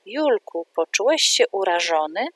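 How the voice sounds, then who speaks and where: A woman as a gentle preschool teacher. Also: medium pitch, sing-song, measured pace, no room sound. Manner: soft, gentle, explaining.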